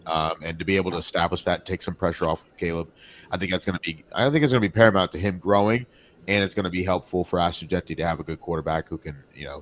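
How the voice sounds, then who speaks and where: Deep-voiced man talking football. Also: a bit bright. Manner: stammering, thinking aloud. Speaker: podcast panelist. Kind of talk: casual sports chat.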